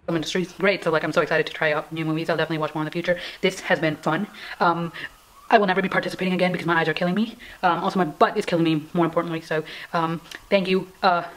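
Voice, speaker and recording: A woman's voice: fairly low pitch, steady tone, rapid-fire, poor audio. A young woman vlogger chatting casually at home, rambling and self-deprecating, with a melodramatic, pleading way of talking. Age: young adult. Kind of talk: casual chatty challenge vlog. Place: indoors in a room at home.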